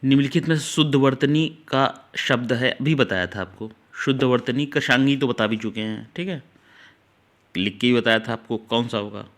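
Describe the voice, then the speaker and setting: A man of ordinary pitch runs an exam-prep grammar lesson, going through one question after another. He talks straight to his students and tells them to note things down. He slows right down to spell out key words. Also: fairly bright tone. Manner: explains step by step, repeats key words slowly. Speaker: teacher.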